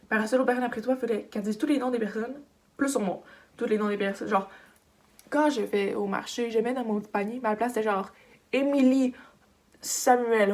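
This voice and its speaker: A young woman from Quebec with a Québécois French accent, telling a story in a casual vlog, chatty and rambling with lots of filler words. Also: on the high side. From Quebec, Canada. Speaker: vlogger. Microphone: phone camera.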